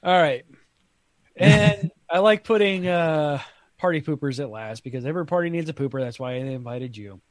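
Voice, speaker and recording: A man's voice: a little high, moderate pace, no room sound. A man co-hosting a podcast review in casual chat, blunt and opinionated, laughing easily. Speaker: podcast co-host.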